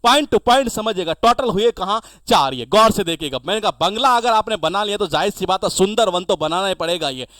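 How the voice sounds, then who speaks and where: A man's voice: sits high, lively intonation, fairly quick, few pauses, fairly bright tone, no room sound. A male teacher giving an exam-prep lesson, chatty and acting out little dialogues to teach memory tricks.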